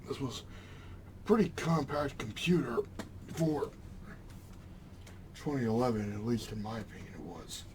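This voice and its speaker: A man's voice: mid-range voice, animated, measured pace, long pauses, a little mellow. A young man rambling casually as a vlog host, with a slight retainer lisp and slur. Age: young adult. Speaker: video channel host. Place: small home room, indoors. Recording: clearly noisy room background.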